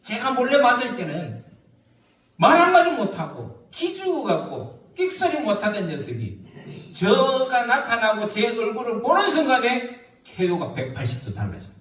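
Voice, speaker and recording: A male pastor preaching a sermon, his high voice rising and falling as he tells a story. He keeps asking rhetorical questions of the congregation. The sound is echoey, recorded from a distance in a church hall. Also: huge pitch swings, normal speed, a bit bright.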